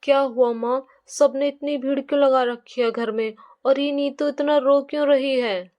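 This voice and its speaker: A woman's voice: high-pitched, fairly even intonation, moderate pace, a little mellow, lo-fi sound, natural voice. A woman voicing an angry father who gives urgent commands.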